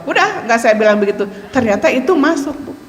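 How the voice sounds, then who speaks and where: A woman's voice: a little high, lively intonation, a little fast, slight background noise. A woman religious teacher with a Sundanese accent gives a Ramadan lesson on Quran recitation, playful and laughing often. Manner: playful, laughing often, mixing in local words. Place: mosque hall. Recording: echoey mosque hall with long reverb.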